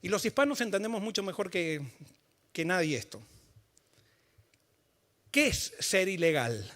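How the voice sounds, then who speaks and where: A male pastor preaches in church in a strikingly high-pitched voice. He explains scripture through everyday illustrations. He builds his points to forceful emphasis. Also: very animated, measured pace. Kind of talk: sermon.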